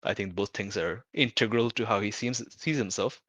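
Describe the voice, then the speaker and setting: A man with a fairly deep yet bright voice, a player on a tabletop roleplaying show, chats out of character about game ideas. He talks informally and haltingly, thinking aloud and swearing as he works things out. The recording is dry and close.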